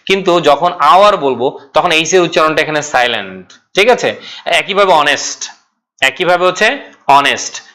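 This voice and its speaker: Bright-voiced man teaching grammar. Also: a little high. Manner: explains step by step, asks and answers own questions, repeats key points. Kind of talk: online class lecture.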